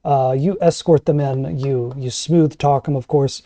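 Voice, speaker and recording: Very mellow male game master. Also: mid-range voice, steady tone, measured pace, no echo. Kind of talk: casual tabletop game narration.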